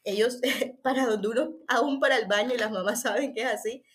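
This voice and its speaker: Woman, psychologist, lively, acts out quoted voices, fairly high voice. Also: fairly quick. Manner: animated, acts out quoted parents and children. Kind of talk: podcast guest conversation.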